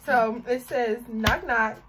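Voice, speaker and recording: A young adult woman chats casually as co-host of a joke challenge at home, speaking at a slow pace with a fairly high pitch. She's indoors in a bedroom, and the recording carries faint room noise.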